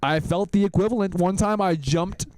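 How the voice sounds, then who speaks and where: A young man co-hosting a podcast, telling animated stories in casual chat and laughing often. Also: high voice, normal speed, dry recording. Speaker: podcast co-host.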